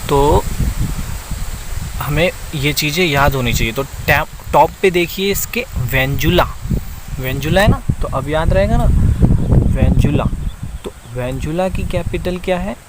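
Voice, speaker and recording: A man teaching a map lesson, speaking slowly and repeating himself, often checking in with the viewer. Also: on the high side, lively intonation, background noise. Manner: slow, repeats itself and keeps checking in with the viewer.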